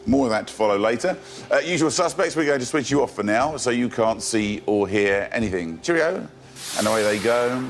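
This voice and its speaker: A man hosting a TV quiz show in a studio, brisk and jokey with the contestants, chuckling between lines. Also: mid-range voice, animated, faint music behind.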